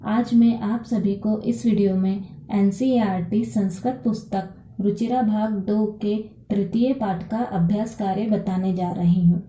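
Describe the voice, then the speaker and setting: A woman teaching a Sanskrit lesson online, talking slowly, checking understanding often, and reading out number words loudly. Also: mid-range voice, steady tone, reverberant. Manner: slow, repeats "ठीक है" to check understanding; reads numbers aloud louder, with English equivalents.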